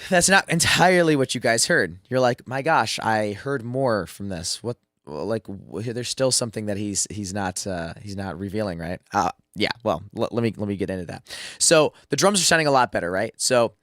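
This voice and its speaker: A music producer, sick and losing his voice, gives a casual screen-share lesson on drum mixing, filled with fillers and restarts. He speaks at normal speed in a low-side voice with lively intonation and a slightly bright quality. There's no echo, and the audio is studio quality.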